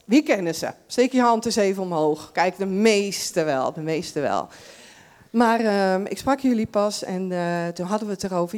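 Woman, farewell address, church service, chatty, lots of fillers, mid-range pitch. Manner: warm, chatty, many fillers and restarts.

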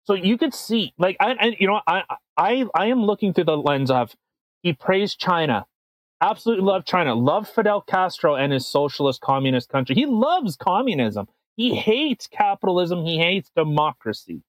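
A man's voice: high-pitched, big pitch swings, moderate pace, no echo. A man co-hosting a podcast, talking in a casual, sarcastic, profane way with frequent restarts. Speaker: podcast co-host. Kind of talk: casual comedic chat.

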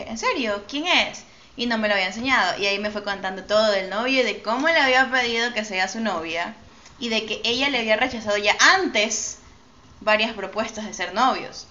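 A woman telling a personal story in casual chat, acting out the lines of the people in it. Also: a little high. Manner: animated, acts out quoted dialogue. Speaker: podcast co-host telling a story. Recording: slightly dull recording with faint noise.

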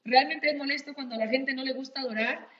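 A woman's voice: high-pitched, fairly even intonation, fast talker, highs cut off, crowd noise. A woman co-pastor preaching a sermon, repeating her points with emphasis.

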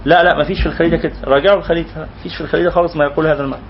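A man's voice: on the high side, steady tone, very fast, creaky, lo-fi sound, noisy background. A man with an Egyptian accent teaching a lecture, explaining terms word by word and restating them again and again. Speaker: religious teacher. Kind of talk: lecture explaining a classical poem.

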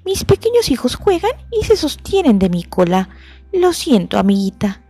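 A kind mother possum in a storybook turns down a request gently and apologetically, voiced by a woman. Her voice sits high and carries a husky softness. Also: very animated, moderate pace, dry recording, exaggerated voice. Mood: apologetic.

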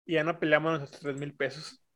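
A man's voice: fairly high pitch, level tone, a little fast, a bit bright. A man with a Mexican accent telling crude, slang-heavy anecdotes in a casual podcast chat and acting out the voices of the people in them. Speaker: podcast guest storyteller.

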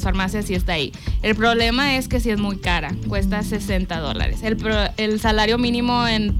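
A woman from Mexico with a Mexican accent, explaining things plainly as a guest on a radio show. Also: mid-range voice. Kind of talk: radio interview.

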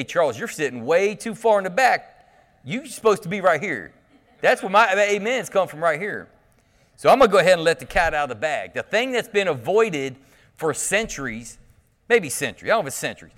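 A man speaks at a pulpit microphone, preaching in a loose, animated and joking way with plenty of restarts. His voice sits a little high for a man. Long reverb from the church sanctuary trails each phrase. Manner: animated and joking, teasing the congregation, with frequent restarts. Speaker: pastor. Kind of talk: casual, conversational preaching.

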